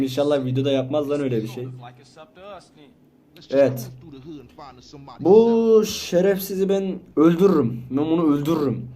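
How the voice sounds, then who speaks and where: A man hosting a gaming channel, giving casual let's-play commentary and bantering excitably with the characters on screen. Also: fairly high pitch.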